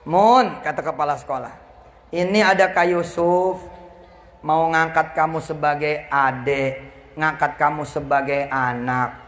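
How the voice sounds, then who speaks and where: A middle-aged man preaching a storytelling sermon, acting out the dialogue with lively, raised voices. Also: on the high side, unhurried. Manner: animated, acts out dialogue with raised voice.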